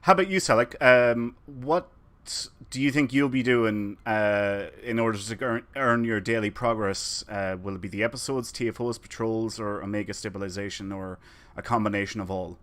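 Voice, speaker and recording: A man's voice: lowish voice, moderate pace, fairly bright tone. A man hosting a podcast who asks his co-hosts questions in a hesitant way, full of ums and uhs. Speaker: podcast host asking questions. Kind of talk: casual interview chat.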